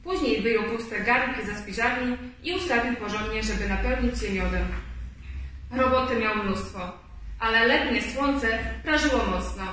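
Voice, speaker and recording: A woman reading a children's story aloud in a clear, expressive way. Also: fairly high pitch, moderate pace, a little hiss or hum. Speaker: storybook reader. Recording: echoey room, far mic.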